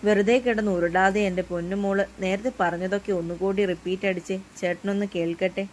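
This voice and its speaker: A woman's voice: mid-range voice, fairly even intonation, fast talker, darkish tone, slight background noise, natural voice. A woman voicing a playful, sulky young man in a storybook romance, teasing and coaxing his beloved.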